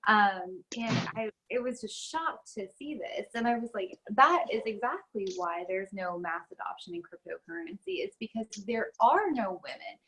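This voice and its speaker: A woman's voice: medium pitch, animated, normal speed, few pauses, a bit bright, slight background noise, low-quality recording. A woman guest in a casual interview, chatting with frequent ums and uhs. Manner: talks with many ums and uhs.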